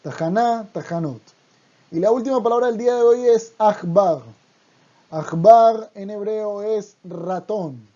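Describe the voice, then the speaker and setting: A Hebrew teacher giving an online language lesson, speaking deliberately and repeating each word twice. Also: mid-range voice, warm tone, highs cut off.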